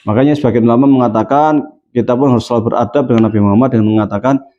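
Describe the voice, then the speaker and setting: Speaking very fast at a medium pitch with fairly even intonation, an Islamic religious teacher lectures on good manners. He acts out short quoted scenes to make his moral point, captured in a dull lo-fi recording.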